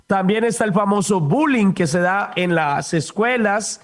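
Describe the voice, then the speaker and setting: High-voiced priest speaking slowly. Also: male voice. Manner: calm, explanatory. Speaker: priest and host.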